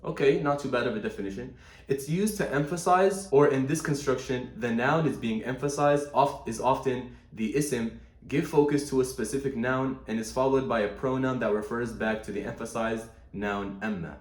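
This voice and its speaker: A man with a mid-range voice talks quickly through an Arabic grammar lesson. He reads answers aloud and corrects them, dropping easily into Arabic terms. His voice rings out in an echoey room. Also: medium pitch. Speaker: Arabic language teacher. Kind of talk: casual explanatory commentary.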